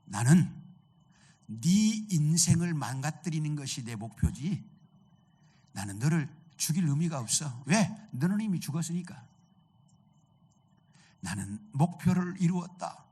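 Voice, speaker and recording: Guy doing a sly tempting devil in a sermon story, slow n coaxing, kinda high. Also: big pitch swings, mellow, husky, exaggerated voice. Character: scheming male devil tempting a young man.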